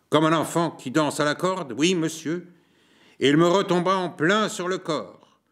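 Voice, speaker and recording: Slow, measured male storyteller. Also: fairly high pitch, a bit bright. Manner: measured, deliberate reading. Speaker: narrator. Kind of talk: literary audiobook narration.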